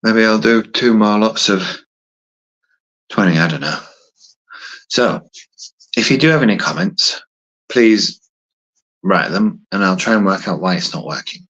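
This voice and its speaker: A man in his fifties talks to viewers on a casual phone livestream while doing push-ups. His voice sits a little low and is slightly husky. He speaks in a hesitant, rambling way, thinking aloud as he goes. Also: a little slow, pauses often, a bit bright, highs cut off. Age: 50s. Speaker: livestream host. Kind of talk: casual live chat to viewers.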